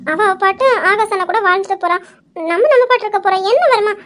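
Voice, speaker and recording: A woman's voice: extremely high pitch, fast talker, fairly bright tone, slight background noise. Woman playing a coaxing young wife. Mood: pleading. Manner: pleading, coaxing, teasing. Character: sweet-talking young wife, playful and pleading. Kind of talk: amateur family drama.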